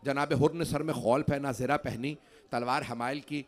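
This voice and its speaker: A man, a cleric, delivering an emotional mourning sermon that swells into loud cries. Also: medium pitch, fairly even intonation. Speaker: Shia cleric reciting elegy.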